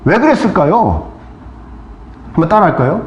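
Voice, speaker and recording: A male pastor delivers a sermon in a fairly high voice that swings widely in pitch. He peppers it with questions to the congregation and acts out voices from the story. The sound rings in an echoey church hall. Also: sing-song, moderate pace, muffled recording. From South Korea. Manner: preaching with rhetorical questions and calls of amen; acts out crowd voices and rebukes. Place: church sanctuary.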